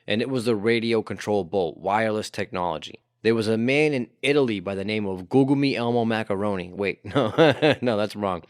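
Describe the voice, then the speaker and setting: A man's voice: lowish voice, normal speed, hardly any pauses, no echo, clean studio sound. A man hosting a casual history podcast, talking conversationally with lots of swearing and "you know" fillers. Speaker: podcast host.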